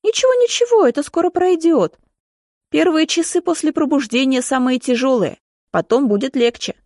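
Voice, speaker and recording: A woman's voice: high voice, normal speed, a little mellow, no room sound, clean studio sound, voice pushed up, close to an everyday voice. A woman reading an audiobook, voicing an anxious middle-aged mother who speaks emotionally and pleadingly. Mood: reproachful.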